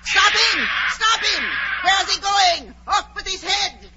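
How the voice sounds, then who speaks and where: A woman's voice: extremely high pitch, animated, slow pace, sharp tone, raised voice, full character voice. An actress playing an imperious, hot-tempered queen who barks commands, in 1940s radio drama style. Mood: furious. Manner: domineering, barking commands. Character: imperious, hot-tempered Queen of Hearts, bellowing execution orders. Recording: noisy, muffled 1940s radio recording.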